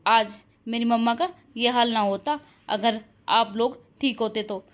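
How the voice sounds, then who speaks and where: A woman voicing an angry grieving daughter who loudly accuses her relatives in a cartoon story. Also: on the high side, fairly even intonation, close to an everyday voice. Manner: loud, accusing, fast.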